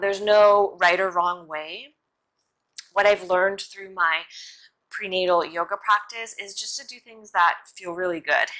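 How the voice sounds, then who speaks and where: Bright-voiced young woman giving casual instruction. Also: mid-range voice, rough recording. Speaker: prenatal yoga instructor.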